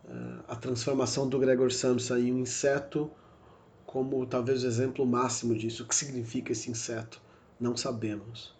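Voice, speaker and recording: Recorded for a university lecture podcast, a man with a Brazilian Portuguese accent discusses literature in a mellow, medium-pitched voice. He thinks through ideas aloud, pausing with fillers and often revising what he says. A little hiss or hum is audible.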